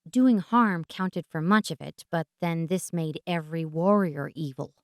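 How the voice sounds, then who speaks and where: A woman with a fairly low voice reads fantasy fiction as an audiobook narrator. Her delivery is theatrical and deliberate, with dramatic pauses, in a dry, close-sounding recording. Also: dry recording.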